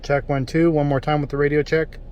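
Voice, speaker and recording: A man's voice: a little high, little pitch movement, brisk, a little mellow, clear, resonant tone, highs cut off. A man giving casual, off-the-cuff vlog commentary as he tests a product. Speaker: product reviewer. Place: in or beside a car at a mall.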